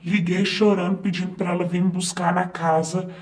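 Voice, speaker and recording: A man's voice: high voice, level tone, moderate pace. A man narrating a first-person story in a conversational way, with fillers and asides to the listener.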